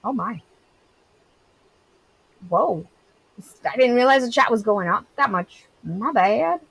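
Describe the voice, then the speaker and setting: A woman's voice: fairly high pitch, lively intonation, slow pace, creaky, husky, dry recording, low-quality recording. A woman in her thirties, a game streamer, chatting casually and answering her live chat in a candid, rambling way full of "like". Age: 30s. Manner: candid, rambling, heavy use of "like".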